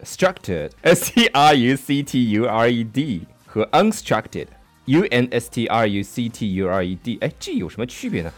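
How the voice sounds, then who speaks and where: Faint music plays behind this man's medium-pitched voice, which moves at a moderate pace with big pitch swings. Co-hosting a language podcast in Sydney, he teaches English through casual bilingual talk, explaining words, spelling them letter by letter, and checking in with his partner.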